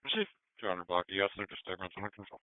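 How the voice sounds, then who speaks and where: A man with a deep, clear voice relays emergency calls as a dispatcher. He is clipped and procedural over a dry, narrow-band radio. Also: quick pace, no echo. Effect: two-way radio. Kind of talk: police and fire radio dispatch.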